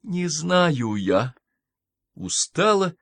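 A man voicing a frightened, insistent young woman in a hospital bed, pleading in a high, agitated voice. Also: big pitch swings, very slow, a bit bright, dry recording, heavily acted. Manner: pleading, agitated, rising pitch.

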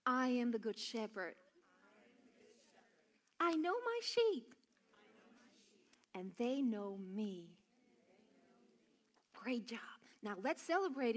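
A Bulgarian woman who leads children's worship songs and dances runs a kids' church lesson, giving encouraging, simple step-by-step instructions. Her voice is fairly high and fairly bright.

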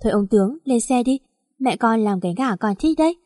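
A woman voicing a worried young husband and father in an audio story, speaking briskly. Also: a little high, lively intonation, warm tone, dry recording, studio quality.

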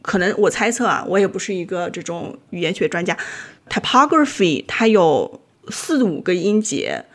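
A woman's voice: on the low side, big pitch swings, normal speed, fairly bright tone. A woman guest on a casual podcast, a design tool founder who explains things thoughtfully, step by step. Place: North America.

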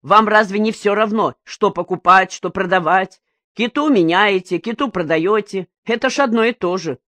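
A woman reading the part of an agitated old male fishing brigade leader in an audiobook, speaking loudly in exclamations. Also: mid-range voice, moderate pace, no echo, voice pushed up, natural voice. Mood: heated. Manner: loud, exclaiming.

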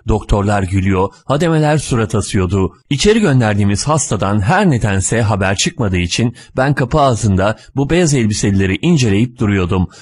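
Measured male story narrator. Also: on the low side, animated, darkish tone, slightly rough. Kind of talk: scripted narration of a short story.

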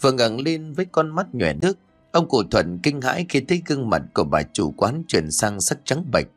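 A man narrating a scripted horror story, telling it in a dramatic and animated way. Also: medium pitch, moderate pace. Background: faint music.

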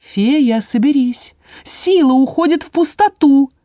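A woman's voice: on the high side, expressive, normal speed, dry recording, studio quality, voice pushed up, close to an everyday voice. A woman voicing a bossy female house spirit who barks commands. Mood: urgent. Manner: urgent, commanding, shouting orders.

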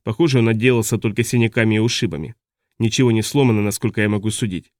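A man's voice: lowish voice, racing, dry recording. Man narrating an audiobook, dry close sound. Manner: steady storytelling. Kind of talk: first-person audiobook narration.

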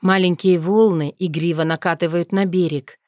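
Low-voiced woman narrating an audiobook. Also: normal speed, no room sound, studio quality. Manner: steady, expressive storytelling. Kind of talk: first-person audiobook narration.

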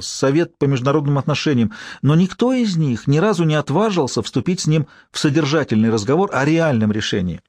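A man's voice: mid-range voice, no echo, clean studio sound, lightly acted. A man voicing a bitter young woman with a faltering voice. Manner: quiet, faltering, growing indignant. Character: bitter, impassioned woman in her early thirties.

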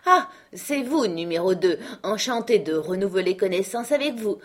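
A woman's voice: mid-range voice, animated, moderate pace, close to an everyday voice. A woman reading the part of a witty, mocking uncle, ironic and emphatic, in an audiobook. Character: witty, mocking uncle who fights a duel.

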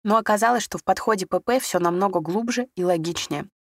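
Woman, audiobook narration, measured, expressive, mid pitch, dead dry sound. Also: dry recording.

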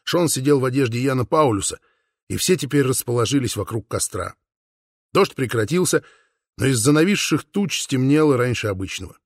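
A man reading an adventure novel aloud in a steady storytelling manner. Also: medium pitch, brisk, no echo, studio quality. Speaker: audiobook narrator. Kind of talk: scripted narration.

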